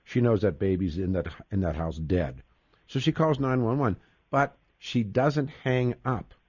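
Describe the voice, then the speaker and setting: Low-voiced guy hosting a chat, punchy and repetitive, dry muffled sound. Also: unhurried, a little mellow, breathy edge, no room sound. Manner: emphatic, repeats words, interjects often. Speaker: podcast host. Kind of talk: casual discussion.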